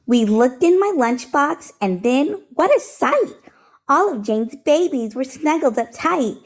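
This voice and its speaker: In a high voice and without rushing, a woman hosts storytime by reading a rhyming picture book. Her delivery is sing-song, rhythmic and full of expression.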